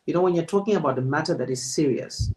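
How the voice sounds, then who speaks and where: A man giving a presenter spoken feedback as a public speaking coach, in a measured, emphatic, deliberate way. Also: on the high side, a little mellow, low-quality recording.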